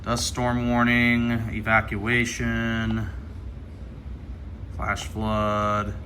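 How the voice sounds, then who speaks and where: With a lowish, sharp-toned voice, the Ohio radio hobbyist drags out his words in a completely flat delivery. He mutters through menu items while thinking aloud during a casual, hands-on unboxing, and background noise is clearly present.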